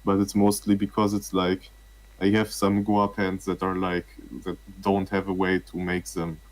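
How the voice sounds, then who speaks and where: Low-voiced rambling young man. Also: completely flat delivery, normal speed, rough recording. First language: not English. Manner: rambling, laughs often, many fillers. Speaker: podcast co-host. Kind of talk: casual chat.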